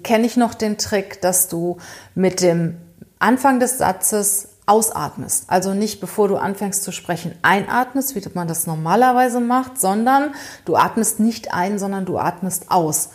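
A middle-aged woman coaches the listener on first impressions in a fairly low voice. She talks directly and informally, giving instructions step by step with the odd filler. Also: darkish tone. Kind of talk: advice talk addressed to viewer.

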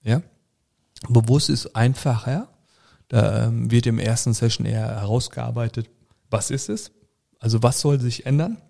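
Man, life coach, gravelly, very dark tone, chatty, explanatory. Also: mid-range voice, normal speed. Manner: explanatory, with many fillers and restarts. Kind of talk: casual interview talk.

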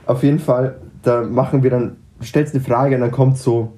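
Chatty young man with a mellow voice. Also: medium pitch, fairly even intonation, normal speed. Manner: chatty, stammering restarts, laughs often. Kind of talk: casual chat.

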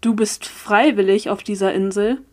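A woman's voice: mid-range voice, steady tone, moderate pace, natural voice. A woman reading aloud, voicing a young male elemental who questions things hesitantly and uneasily.

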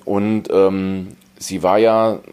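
A man's voice: deep voice, little pitch movement, extremely slow, darkish tone, clear, resonant tone. A man co-hosting a casual tech podcast, explaining in a matter-of-fact way. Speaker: podcast co-host.

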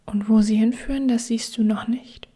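A woman guiding a relaxation meditation in a soft, soothing whisper. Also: fairly high pitch, fairly even intonation, moderate pace. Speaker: meditation guide.

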